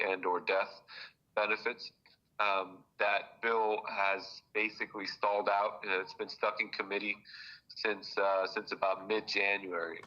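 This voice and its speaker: A man's voice: low voice, sharp tone. A man giving a report to a board while heard through a phone on speakerphone, hesitant and full of "uh" and restarts. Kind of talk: reporting at a public meeting by phone. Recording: muffled phone call over a room speaker.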